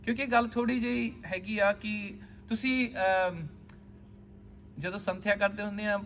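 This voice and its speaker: High-voiced man teaching a scripture class. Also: steady tone, moderate pace, a bit bright, slight background noise. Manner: patient, calls students by name, asks questions. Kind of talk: class lesson mixing Punjabi and English.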